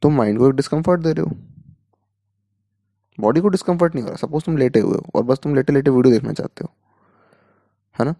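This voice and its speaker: A man's voice: medium pitch, fast, pauses often, warm tone, no echo, studio quality. A man coaching students in a talk, asking rhetorical questions and mixing in English words. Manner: explains with rhetorical questions, Hindi mixed with English terms. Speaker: mentor to exam students.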